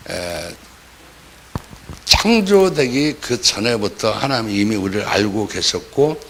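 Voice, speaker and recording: A man's voice: fairly low pitch, vocal fry, a bit bright, a little hiss or hum. A man preaching a sermon as pastor, talking in a colloquial way and acting out the voices of the people he quotes.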